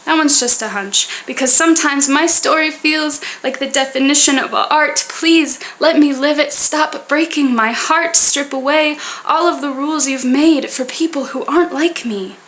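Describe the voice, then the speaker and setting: A woman with a high, fairly bright voice performs a spoken word piece. She delivers it earnestly and deliberately, in short poetic phrases.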